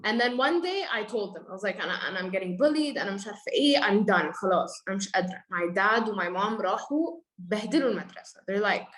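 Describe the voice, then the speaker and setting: Fast-talking young Egyptian woman. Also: mid-range voice, poor audio. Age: young adult. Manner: switches rapidly between English and Arabic; animated, acts out quotes from parents and teachers. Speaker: guest. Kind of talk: conversational storytelling.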